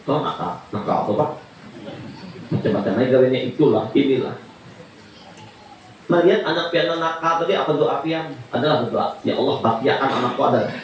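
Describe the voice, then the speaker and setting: A man preaching a sermon, lively and jokey, often rising into high pleading cries. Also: unhurried, long pauses, a little hiss or hum. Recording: echoey hall from far off.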